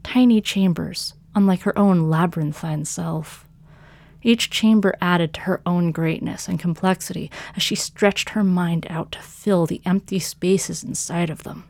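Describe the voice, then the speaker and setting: A woman, the author and narrator of a fiction podcast, reading her own story in a measured way that slows for dramatic lines. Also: on the low side, fairly even intonation, vocal fry, darkish tone, no room sound.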